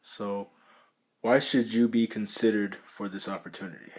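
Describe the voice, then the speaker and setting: A man's voice: lowish voice, fairly even intonation, moderate pace, breathy edge. A man interviewing, asking brief, plain questions.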